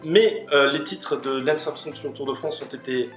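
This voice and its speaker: A man's voice: mid-range voice, normal speed, a bit bright. A man hosting a question-and-answer video, explaining at length with many fillers and restarts. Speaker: host answering questions on cycling. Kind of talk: casual explanatory Q&A. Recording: roomy room with faint music.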